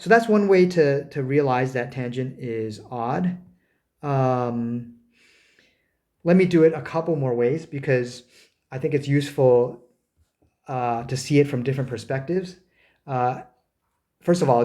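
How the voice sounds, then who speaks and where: Man, math lecturer, mid-pitched voice, casual board-side explaining, fillers, self-corrections. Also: darkish tone. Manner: talks while drawing, frequent fillers and self-corrections; rhetorical "right?" checks with students.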